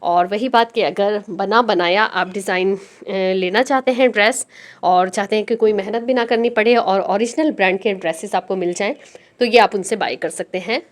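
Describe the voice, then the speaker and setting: Chatty lady doing a sewing tutorial, talks right to her viewers, walks thru every neckline and lace detail. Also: mid-range voice. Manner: chatty, addresses viewers directly as sisters; explains garment details step by step. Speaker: stitching tutorial host. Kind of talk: casual dress design walkthrough.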